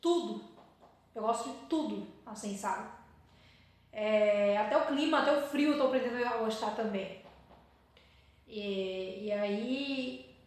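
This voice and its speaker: Chatty woman in an echoey room. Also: on the high side. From Salvador, Bahia, Brazil. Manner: chatty, acts out her own past remarks in quoted lines. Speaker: dentist, interview guest. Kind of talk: casual interview storytelling.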